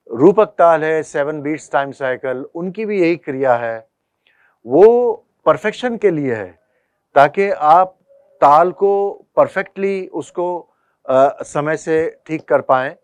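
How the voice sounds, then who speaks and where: A man's voice: fairly high pitch, clear, resonant tone, no echo. A man teaching a tabla class, patiently explaining rhythm cycles and counting beats aloud. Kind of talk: online music lesson.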